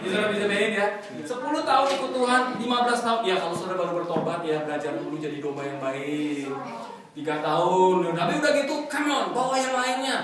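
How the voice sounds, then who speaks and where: A man from Indonesia preaching a sermon in a lively, joking way, drawing call-and-response from the congregation. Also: high voice, fairly quick, recorded from a distance, crowd noise. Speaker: pastor. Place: church fellowship hall. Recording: echoey hall, mic from afar, congregation.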